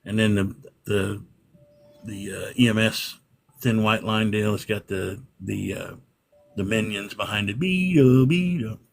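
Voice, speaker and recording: Low-voiced man in a rambling chat. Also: monotone, unhurried, gravelly, a bit bright, soft background music. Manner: rambling explanations, frequent restarts. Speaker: livestream room owner, guest. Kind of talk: casual interview chat.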